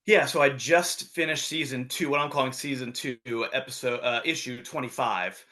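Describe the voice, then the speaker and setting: A man's voice: medium pitch, normal speed, pushed and bright. A man being interviewed on a podcast about his comics, easygoing and hedging in casual chat. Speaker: comic book publisher.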